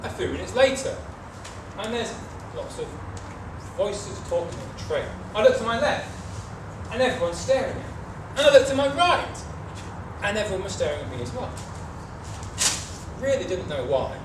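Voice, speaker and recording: A young British man delivers a humorous tall-tale speech to a live audience, telling it theatrically with dramatic pauses and emphasis. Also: high-pitched, sing-song. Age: 20s or 30s. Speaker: club speech contestant. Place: echoey meeting room with an audience. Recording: roomy, noisy, distant microphone.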